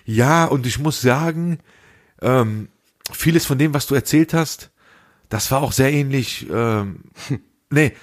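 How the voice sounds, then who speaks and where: A young man with a mid-range voice speaks slowly and pauses often while co-hosting a podcast. The conversation is loose and slangy, and his stories come alive as he plays out the dialogue.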